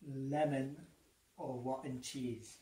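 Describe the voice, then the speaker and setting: Male, twenties, unhurried and hesitant taste-test chat while eating gross sweets, recorded roomy and off-mic. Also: little pitch movement, dark tone. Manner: low-key, hesitant, eating while talking through a gross jelly bean challenge. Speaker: amateur taste-challenge vlogger. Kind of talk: casual chat, halting commentary while tasting. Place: living room, seated on a sofa. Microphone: phone or camera a short distance away. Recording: distant mic, roomy echo, clicks, faint hiss.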